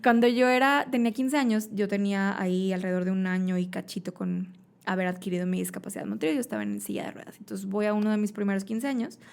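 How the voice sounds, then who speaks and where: A young woman with a Mexican accent, talking as a podcast guest in easy, casual conversation. Her voice has a gravelly, fry-laced texture at a middle pitch. She tells stories with flair and slips into the voices of the people she quotes. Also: quick pace. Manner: animated storyteller, acts out quoted voices.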